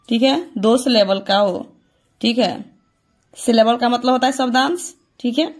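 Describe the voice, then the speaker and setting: A woman teaching English grammar, repeating each rule as a question and answering it herself. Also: a little high. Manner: repeats key points as questions to students; slow and deliberate, drawing out rule statements. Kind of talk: classroom lesson explaining verb forms.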